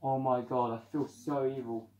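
A man chatting excitedly through a helmet mask, reviewing the helmet in a casual vlog. He talks indoors at home. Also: mid-range voice, normal speed. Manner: chatty and excitable, with frequent restarts. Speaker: product reviewer.

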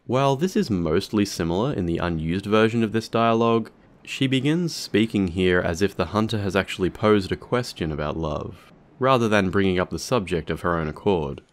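A man reading scripted explanatory narration for a video in a measured, formal manner. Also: low-pitched, lively intonation.

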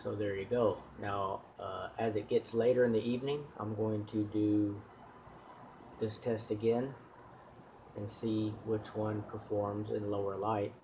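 A man's voice: lowish voice, flat delivery, a little slow, dark tone, slight background noise. A man filming his own equipment test with a handheld camera, talking plainly and rambling with fillers and restarts. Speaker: solar hobbyist vlogger. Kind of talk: casual off-the-cuff demo.

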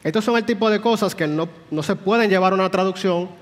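A high-pitched man speaks fast as he teaches a Sunday school Bible class in a church hall. He explains patiently and asks the room questions, and the hall adds a long reverb.

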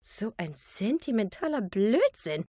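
A woman's voice: medium pitch, sing-song, warm tone, husky, dry recording, clean studio sound, voice pushed up. A woman voicing a cold, haughty businesswoman who draws out her words condescendingly. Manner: drawn-out, condescending.

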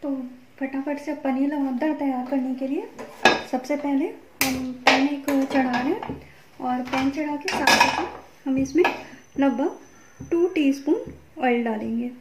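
A woman with a high voice explains a recipe step by step in a chatty, instructional way. She talks over a stove in an echoey home kitchen, with clear sizzling and frying sounds behind her. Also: steady tone, a little slow, heavy background noise. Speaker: cooking channel host. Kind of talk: home cooking tutorial.

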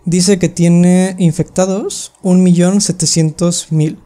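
Young adult webinar presenter, mellow tone, patient step-by-step explainer on a call mic. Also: medium pitch, fairly even intonation. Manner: explains step by step with frequent "em" pauses. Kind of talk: screen-share coding tutorial. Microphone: computer mic on a video call.

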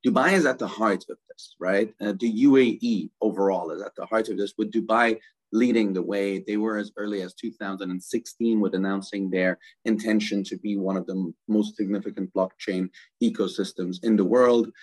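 A man's voice: fairly low pitch, fairly even intonation, a little fast, darkish tone, low-quality recording. A middle-aged man from Germany, a guest on a video-call interview, speaking fluently and energetically and often adding "right?". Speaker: guest, crypto ecosystem co-founder. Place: indoors, virtual office backdrop.

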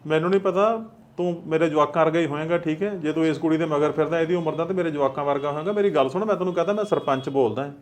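A man's voice: on the high side, very fast, slight background noise, close to an everyday voice. A middle-aged man playing a stern, protective village headman who scolds in a firm, fatherly way. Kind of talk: acted village drama dialogue.

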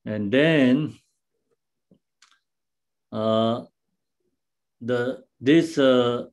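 A man giving a dharma teaching as a Buddhist teacher, explaining patiently in simple, non-native English phrasing, with many pauses and restarts. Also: mid-range voice, a little mellow.

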